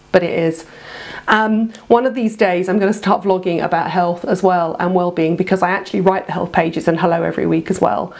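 A woman in her fifties with a lowish, gravelly, slightly mellow voice sounds congested from a head cold. Indoors in a room at home, this beauty vlogger gives a casual to-camera product review, gushing and saying "um" a lot.

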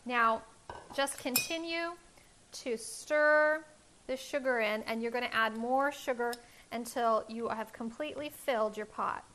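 A woman's voice: fairly high pitch, a little slow, bright, forceful tone, a little hiss or hum. A woman in her thirties hosting a home cooking show, explaining each step in a friendly instructional way from her kitchen on a lapel mic. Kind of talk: cooking demonstration.

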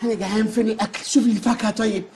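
An actor with an Egyptian accent playing a spoiled, childish, rude grown man in a TV comedy, talking very fast and whiny. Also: high voice, fairly even intonation, heavy background noise, natural voice. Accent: Egyptian Arabic. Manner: petulant, rapid, complaining. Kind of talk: TV comedy series acting.

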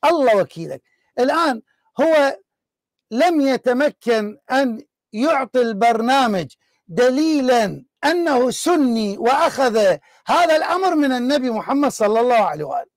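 A man's voice: very high voice, sing-song, moderate pace, dry recording. A man hosting a heated live religious debate, pressing and repeating his challenges. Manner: forceful, insistent, repeats challenges. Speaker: debate show host.

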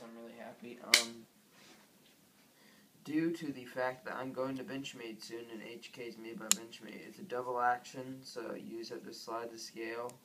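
A young man rambling casually through a vlog, with lots of ums and likes, filmed on his phone. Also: medium pitch. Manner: rambling, filler-heavy. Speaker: vlogger. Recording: noisy phone recording.

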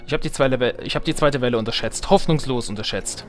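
A let's play host talks fast in a mid-range voice, offering casual gameplay commentary as he thinks aloud and mocks himself wryly. Video game music plays behind him.

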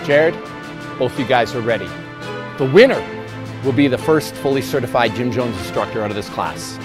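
Over music, a middle-aged American gym instructor leads a challenge, addressing a group emphatically and informally in a large gym hall with onlookers. His voice is mid-range and animated, at a moderate pace.

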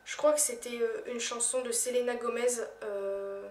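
A young woman answering questions in a casual vlog, hesitant, with many fillers and phrases that trail off softly. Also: a little high, steady tone, moderate pace. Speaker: YouTuber. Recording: echoey room, voice a little far from the mic.

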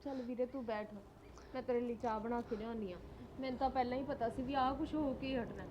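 A woman playing a patient young wife who pleads calmly with her mother-in-law, in a Punjabi accent. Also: on the high side, quick pace, lo-fi sound, slight background noise, close to an everyday voice. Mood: gentle. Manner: pleading, reasonable. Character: patient young wife married without dowry. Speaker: daughter-in-law. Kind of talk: acted family drama.

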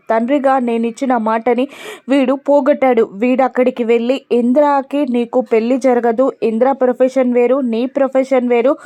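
A woman's voice: high voice, dark tone, lightly acted. A woman reading the lines of an upset elderly father who scolds his son and insists on keeping his word.

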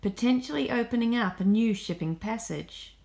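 A woman giving calm, informative documentary narration. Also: on the high side, moderate pace, vocal fry.

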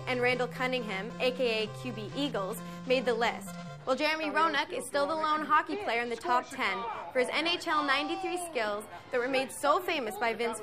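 Hosting a sports news show from a television studio set, a high-voiced woman in her twenties reads a script on a lapel mic and slips in sarcastic, mocking asides.

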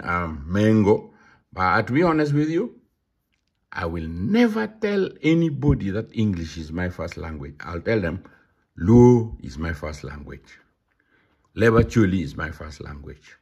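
This man's voice sits low and sounds husky, with vocal fry. Speaking in London with a Ugandan accent, he gives a casual, emphatic monologue and keeps repeating himself.

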